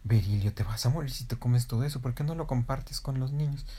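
A woman voicing a proud, tender mother hen who speaks softly. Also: a bass voice, brisk, background noise. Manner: soft, tender scolding.

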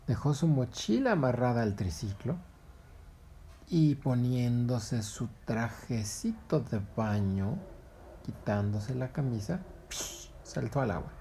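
A man tells a children's story in a playful, dramatic way. His voice is gravelly with a dark, mellow tone. A faint hiss sits under it. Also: mid-range voice.

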